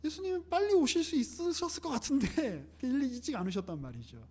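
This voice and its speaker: A man's voice: extremely high pitch, sing-song, a little fast, a little mellow. A young man preaching a casual live-streamed sermon, chatty and joking, often laughing. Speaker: pastor.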